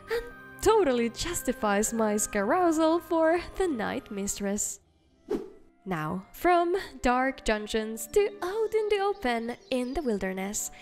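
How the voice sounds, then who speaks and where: A woman reading scripted narration as the host of a video game mod showcase. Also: high-pitched. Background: faint background music.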